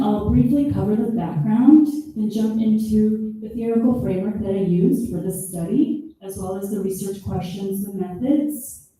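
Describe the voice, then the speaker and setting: A woman presenting her research at an academic conference. She speaks in a measured, explanatory way and draws out key terms. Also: mid-range voice, mellow. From born in Peru, raised in the United States. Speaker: special education professor presenting research. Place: conference hall. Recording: echoey room, voice distant from the mic.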